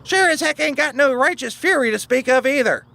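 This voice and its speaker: An actor playing a sarcastic, teasing sidekick with a folksy drawl. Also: male voice, very high voice, expressive, a little fast, vocal fry, sharp tone, exaggerated voice. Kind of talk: audio drama acting.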